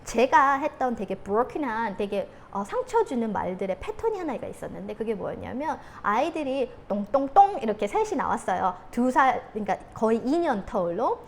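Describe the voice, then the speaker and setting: A woman in her forties lectures on communication, her voice fairly high and swinging widely in pitch. She tells her own stories earnestly and animatedly, breaking into laughter, with a faint hiss in the background. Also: big pitch swings, normal speed, creaky, few pauses.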